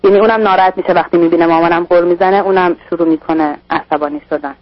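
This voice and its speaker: A woman's voice: fairly low pitch, steady tone, dry recording, dull audio. A young woman calling in to a radio advice show, speaking hesitantly with filler sounds. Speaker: caller.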